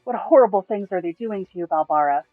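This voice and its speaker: A man voicing an eager, brave adventurer who talks in a raised, excited way. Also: sits high, fast, dry recording, soft background music, voice pushed up. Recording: tinny, phone-like, dry.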